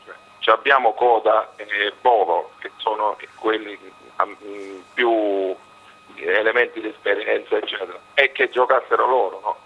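A man calling a football phone-in with his voice giving out, hoarse, halting and repeating himself as he gives his opinions. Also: on the low side, steady tone, a little hiss or hum. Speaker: phone-in caller, football fan. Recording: muffled, band-limited phone line.

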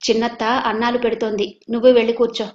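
A soft-hearted old grandmother in a storybook reading, speaking curtly with a raised, firm voice, as a woman narrator puts her on. The recording sounds dull and lo-fi. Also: on the high side, animated, normal speed, echoey room, pitched above the performer's own voice, natural voice. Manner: pleading, then curt and dry. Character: gentle elderly grandmother, worried and soft-hearted.

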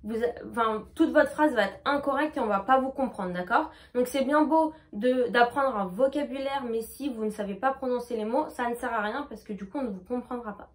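Femme à la voix aiguë, leçon d'anglais. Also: female voice, a little high. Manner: slow, over-articulated demonstrations of English words. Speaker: English teacher. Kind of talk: pronunciation lesson.

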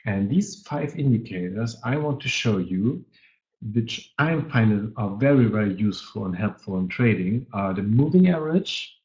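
A man's voice: on the low side, expressive, darkish tone. Man with a cold, presenting a webinar. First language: not English. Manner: halting, searching for words. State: has a cold. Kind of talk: live trading webinar. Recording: dull lo-fi webinar audio.

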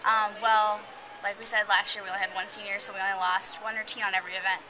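A senior college gymnast in her early twenties answers interview questions eagerly and upbeat inside a large gym, filmed with the camera close to her face, and she keeps saying "really." Her mid-range voice is level and quick, and the low-quality recording picks up gym chatter in the background.

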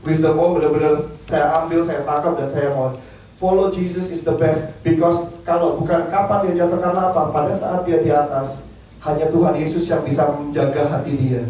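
A male preacher giving an animated sermon in a church, switching between Indonesian and English and asking his congregation questions. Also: on the high side, moderate pace, slight background noise. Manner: animated, asks the congregation questions and leads group reading. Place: church hall. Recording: echoey hall, mic at a distance.

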